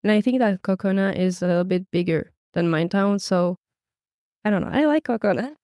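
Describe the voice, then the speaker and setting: A teenage exchange student from Belgium, talking in a relaxed way in a casual podcast interview. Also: female voice, mid-range voice, fairly quick, clear, resonant tone, no room sound, studio quality. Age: teens.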